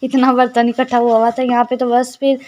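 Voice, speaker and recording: A woman's voice: a little high, completely flat delivery, brisk, a little mellow. A teenage girl narrating a casual home vlog, chatty and complaining about her sisters. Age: teens. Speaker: vlogger.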